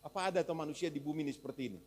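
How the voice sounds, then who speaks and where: A man pastor with a Javanese accent preaching a sermon in a lively, teasing way, mixing in Javanese and English words and rising to shouts for emphasis. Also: a little high, very fast, husky. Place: church hall. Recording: echoey church hall.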